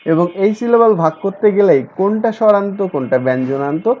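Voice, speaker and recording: A man teaching an online class, stretching words out slowly when he models pronunciation. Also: sits high, lively intonation. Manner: slow drawn-out syllables when modeling pronunciation. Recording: dull lo-fi recording.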